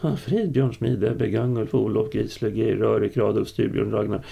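A man's voice: fairly low pitch, steady tone, gravelly, mellow, slightly rough, exaggerated voice. Man putting on a stammering, frightened farmhand. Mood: anxious. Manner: stammering, trembling. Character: frightened lowly male farmhand, timid, stammering.

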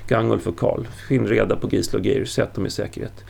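A man's voice: fairly low pitch, steady tone, creaky, darkish tone. A man voicing a Norse warrior leader who gives curt, commanding orders in an audiobook.

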